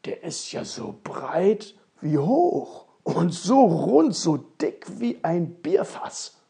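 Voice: mid-range voice, big pitch swings, takes it slowly, gravelly, warm tone, exaggerated voice. A storyteller voicing a young, earnest fairy-tale prince who asks eager, wondering questions.

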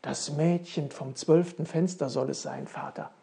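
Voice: medium pitch, fairly even intonation, unhurried, gravelly, mellow. A storyteller voicing a young, earnest fairy-tale prince who asks eager, wondering questions.

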